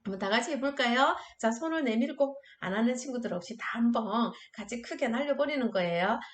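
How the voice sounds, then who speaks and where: A woman's voice: a little high, animated, brisk, slight background noise. Upbeat woman instructor leading chants, echoey room. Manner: upbeat, coaxing, leads shouted chants and clapping games. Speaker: school anti-smoking instructor. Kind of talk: online classroom lecture with group exercises.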